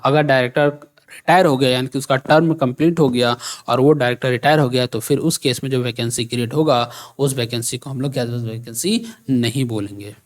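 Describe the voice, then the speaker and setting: A male teacher giving an exam-prep law lecture. He reads provisions out slowly and then explains them casually, often asking his students whether they follow. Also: medium pitch. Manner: reads the text out slowly, then explains it in Hindi mixed with English; asks rhetorical checks like "thik hai?".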